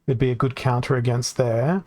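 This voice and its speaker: A man's voice: mid-range voice, fairly even intonation, brisk, darkish tone, slight background noise. A man streaming a card game from home into a desk microphone, thinking aloud and correcting himself as he goes, his voice worn from hours of talking. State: voice getting worn from long talking. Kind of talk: casual game stream commentary.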